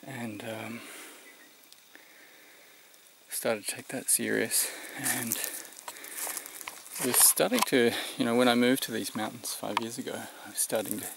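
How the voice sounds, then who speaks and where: A middle-aged Australian man, tired and short of breath, speaking off the cuff to camera in a halting, reflective way. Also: medium pitch, fairly even intonation, creaky. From New South Wales, Australia. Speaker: vlogger. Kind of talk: unscripted vlog to camera. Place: outdoors in the mountains. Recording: noisy outdoor recording, rural background sounds.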